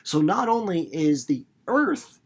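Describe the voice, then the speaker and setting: Speaking a bit slowly in a mid-range voice with big swings in pitch, this reader and literature teacher hosts a read-aloud video series. The talk is casual commentary and explanation for students: rambling, theatrical, playful, and informal, full of acted-out examples, sound effects, and words repeated for emphasis.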